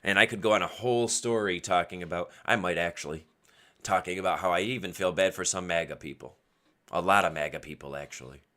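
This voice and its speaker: On his casual solo podcast, a man shares strong opinions emphatically and answers his own rhetorical questions. His low-sitting voice, a little fast, is strained and partly lost because he has been yelling.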